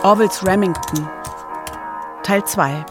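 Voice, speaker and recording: A woman in her forties, the author of a radio documentary, narrates it in the first person from a script that includes phone calls. She speaks slowly at medium pitch over background music.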